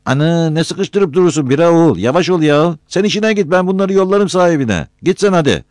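A man voicing a cranky, dismissive old village imam in a high, testy drawl. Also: expressive, brisk, a little mellow, dry recording, studio quality, lightly acted. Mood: irritated.

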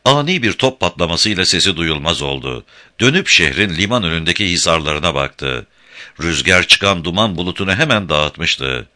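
Male audiobook narrator: low voice, crisp bright tone, dramatic telling. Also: normal speed. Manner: dramatic, expressive storytelling.

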